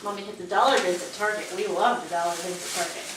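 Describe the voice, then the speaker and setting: Casting: woman, mid-pitched, casual family talk, heavy outdoor background noise. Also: quick pace. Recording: noisy outdoor home video.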